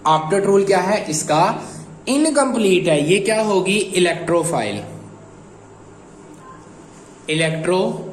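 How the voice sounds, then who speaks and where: A man teaching chemistry at a whiteboard, slowly repeating points and answering his own questions. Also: sits high, big pitch swings. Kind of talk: whiteboard lecture. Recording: very echoey room, faint ambient noise.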